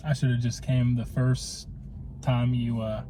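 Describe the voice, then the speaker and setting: A man's voice: medium pitch, flat delivery, unhurried. A young man from North Carolina casually telling the story of how he met his girlfriend, rambling with many likes and restarts. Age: young adult. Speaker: vlogger telling a couple's story. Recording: noisy background.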